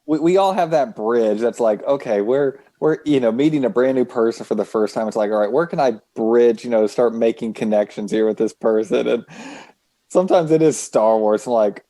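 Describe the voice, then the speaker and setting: A man's voice: mid-range voice, normal speed. A man, co-hosting a podcast and telling stories in casual chat, laughing often. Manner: animated storytelling, laughs often. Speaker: podcast co-host.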